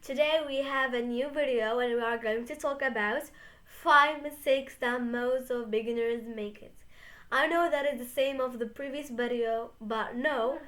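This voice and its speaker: A young woman hosting a beginner lesson, speaking slowly and carefully and stressing the example words. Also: high voice, a bit bright. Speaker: English teacher, channel host.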